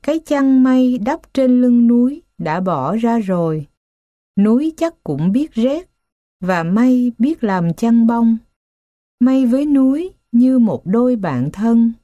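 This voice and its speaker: Slow, mellow woman reading children's stories. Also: fairly high pitch, expressive, no room sound, dull audio. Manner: slow, gentle storybook reading. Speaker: storyteller. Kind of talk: scripted narration of children's stories.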